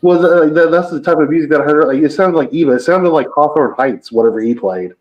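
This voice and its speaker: A man's voice: on the high side, quick pace, lo-fi sound. Laid-back man full of filler words. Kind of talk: casual group chat.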